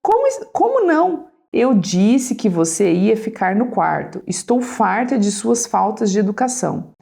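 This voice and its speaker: A woman's voice: lowish voice, big pitch swings, takes it slowly, creaky, darkish tone, full character voice. A woman voicing a tense, worn-down mother who scolds her daughter, reading aloud from a parenting book. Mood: exasperated. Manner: strained, scolding.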